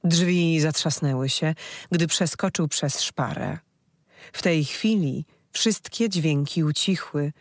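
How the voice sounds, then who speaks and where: An audiobook narrator reading a dark folk fantasy story in a steady, measured way. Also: mid-range voice, dry recording, clean studio sound.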